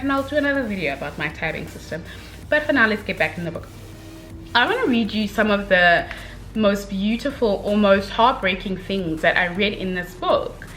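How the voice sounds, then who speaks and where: A woman gives a casual book review, expressive and slangy, addressing viewers like girlfriends and checking in with them emphatically. Her voice is mid-range, and the recording is low quality.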